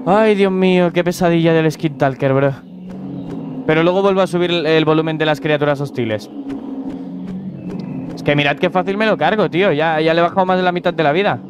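A man's voice: on the high side, fairly quick, long pauses, noisy background. A young man with a Spain Spanish accent, chatting casually and joking with viewers while playing a game. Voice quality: slangy, joking, talks to viewers and animals. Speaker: gaming YouTuber. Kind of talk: casual gameplay commentary.

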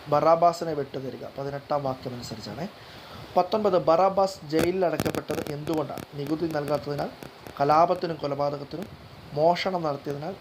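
A man's voice: a little high, slight background noise, rough recording. A man reading quiz questions aloud, listing each answer option and then repeating the correct one, with the odd slip and restart. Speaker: quiz guide reader.

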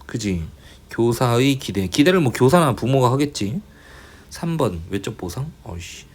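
A man tutoring English in a casual online lecture, thinking aloud, muttering mild swears and reading English lines slowly. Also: medium pitch, big pitch swings, slightly rough.

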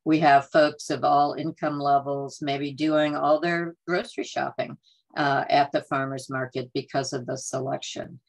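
A woman's voice: a bass voice, fairly even intonation, a little slow, vocal fry, poor audio. A woman presenting a farmers market workshop over a video call, talking in a conversational, earnest way with many "uh"s and "um"s. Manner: frequent fillers, conversational and earnest. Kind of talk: presenting slides in a webinar. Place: home or office on a video call. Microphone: computer mic on a video call.

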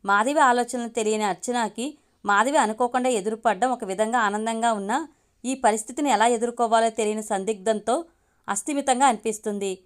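A woman storyteller reading a family story aloud in an even, measured way. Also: a little high.

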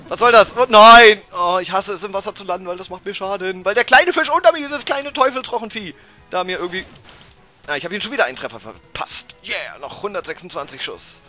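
A man commentating a blind playthrough of a video game, excitable and prone to frustrated outbursts and swearing. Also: sits high. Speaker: let's player. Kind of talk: blind let's play commentary.

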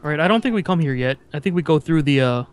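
A man's voice: fairly high pitch, lively intonation, racing, smooth. A man chatting casually during a co-op game session, thinking aloud and often restarting his sentences. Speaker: gamer playing co-op. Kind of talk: casual let's-play chat.

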